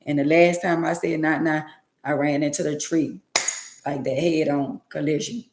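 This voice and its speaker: A woman's voice: low-pitched, steady tone, moderate pace, roomy sound, noisy background. A woman around sixty, talking emphatically and repetitively in a preachy, casual way on her livestream. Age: 60s. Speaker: livestream host.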